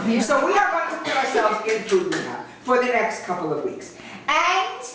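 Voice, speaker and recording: Woman lecturing in a very echoey room. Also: on the low side. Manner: emphatic, full of rhetorical questions. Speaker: diet class instructor. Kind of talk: lecture to a live group. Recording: echoey room from far off, faint noise.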